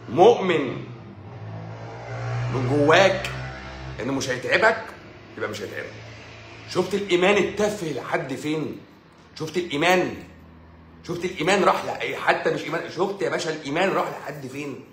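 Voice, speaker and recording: A man's voice: mid-range voice, fairly bright tone, echoey room, slight background noise. A man with an Egyptian accent hosting a live stream, ranting in a sarcastic, mocking way and talking straight at the listener. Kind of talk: casual live-stream rant.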